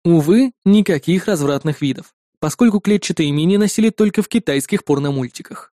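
Wry high-voiced male audiobook narrator. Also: expressive, fairly quick, dark tone, no room sound, clean studio sound. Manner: wry, sardonic. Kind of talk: scripted first-person narration.

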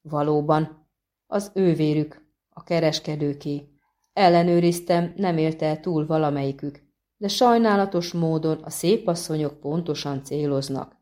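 Menacing male assassin, slow and sneering, read by a woman, low and mellow. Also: lightly acted. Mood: cold. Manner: slow, drawn-out, mocking. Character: cold, menacing male assassin, soft-spoken.

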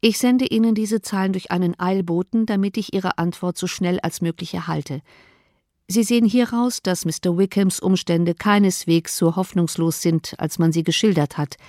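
A woman narrating an audiobook of a classic novel in a steady, clear reading voice. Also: fairly low pitch, normal speed, dry recording, studio quality.

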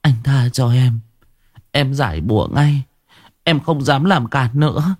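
A man doing a shrill sobbing young woman. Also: expressive, measured pace. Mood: exhausted, pleading. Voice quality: shrill, wailing. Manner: pleading desperately. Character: young village woman, terrified, begging through sobs.

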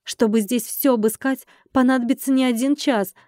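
Lively woman audiobook narrator, dry close sound. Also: a little high, normal speed, no room sound. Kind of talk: first-person audiobook narration.

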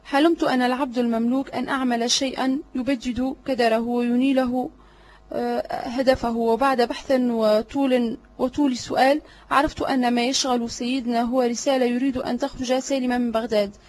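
A woman reading a sly, flattering male servant. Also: a little high, brisk, slight background noise, close to an everyday voice. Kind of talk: audiobook drama reading.

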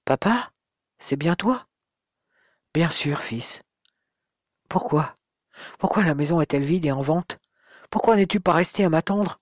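A man reading the part of a mocking, bitter young man with a slow, taunting way of talking. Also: fairly high pitch, expressive, no room sound, clean studio sound. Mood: pleading.

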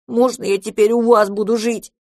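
A woman's voice: a little high, little pitch movement, normal speed, a little mellow, dry recording, pitched above the performer's own voice, lightly acted. A woman voicing a gloomy, stubborn little male house sprite who has run away from home and keeps close to tears. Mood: sulky. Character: sulky little male mouse-foe house sprite, runaway boy.

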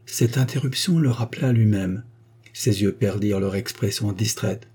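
A man narrating a translated short story in a measured, even reading. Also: on the low side, slightly rough. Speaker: audiobook narrator.

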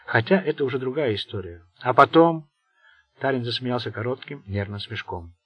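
A man's voice: medium pitch, normal speed, husky, dry recording, highs cut off, natural voice. A man voicing a bitter, sardonic Italian gangster who rambles nervously. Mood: anxious. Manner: sarcastic, venomous.

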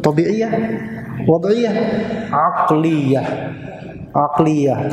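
A man teaching a religious study class, explaining points and asking his listeners questions. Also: high voice. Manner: lively, asks the audience questions. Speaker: Islamic teacher. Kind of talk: recorded religious study lesson. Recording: echoey hall with faint noise.

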